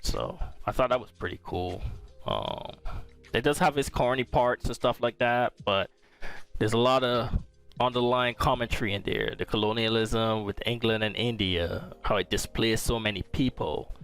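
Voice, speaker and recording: Young male podcast host, low and smooth, rambling casual review chat, faint music under him. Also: animated, normal speed, fairly bright tone. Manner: rambling, easygoing, often restarts his sentences.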